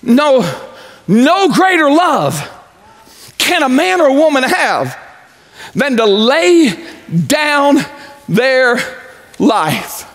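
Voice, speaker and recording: A pastor in his forties preaching a sermon on a large church stage, pacing as he talks and swinging from loud to low. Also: very animated, very slow, pauses often. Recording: echoey church hall.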